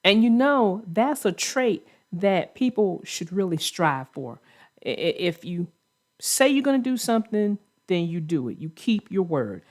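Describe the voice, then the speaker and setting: A woman hosts a casual discussion of a children's story for young listeners, speaking earnestly and emphatically to make a moral point. As host and narrator, her voice is medium-pitched and very animated at a measured pace.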